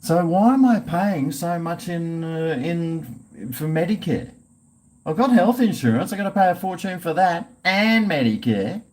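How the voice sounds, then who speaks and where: Rambling and cursing like a typical bloke, an Australian streamer talks casually with his live audience. His voice is a little high and a little mellow, animated yet slightly slow.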